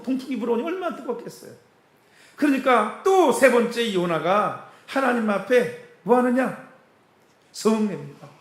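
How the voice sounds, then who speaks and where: A pastor preaching a sermon in an animated way, chuckling often and asking the congregation questions. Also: male voice, high voice. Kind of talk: sermon with casual storytelling. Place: church sanctuary. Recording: echoey church hall.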